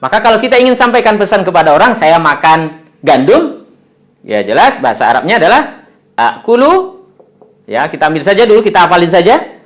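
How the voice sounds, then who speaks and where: A man with an Indonesian accent gives an Arabic lesson, his slightly high voice rising and falling in wide, animated swings. He drops frequent "ya" fillers as he models Arabic sounds for his viewers. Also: brisk, long pauses. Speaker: Arabic teacher.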